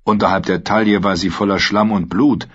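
A man narrating an audiobook with a steady, dramatic reading. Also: on the low side, brisk, breathy edge. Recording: dull lo-fi recording.

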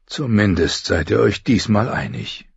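A man playing a weary middle-aged lord in a storybook reading, firm and measured, low and husky. He speaks with lively inflection and a tired sternness, on a slightly dull lo-fi recording. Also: no room sound, heavily acted.

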